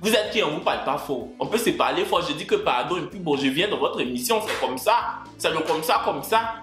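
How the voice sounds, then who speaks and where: A man's voice: fairly high pitch, a little fast. A young man with an Ivorian French accent, ranting and joking in a casual vlog. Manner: animated, joking, swings between loud indignation and mutters. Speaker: YouTuber. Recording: echoey room with faint music.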